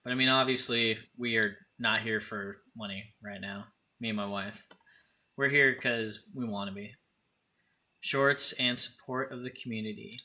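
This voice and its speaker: His low-leaning voice is steady, bright, and forceful, and he speaks a little slowly. A man in his thirties, he runs a casual livestream, chatting informally and talking straight to his viewers.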